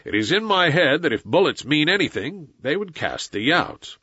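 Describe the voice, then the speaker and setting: A man voicing a calm, wise lone wolf in a storybook, speaking with dry composure. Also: a little high, moderate pace, husky, dry recording, muffled recording, heavily acted. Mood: composed.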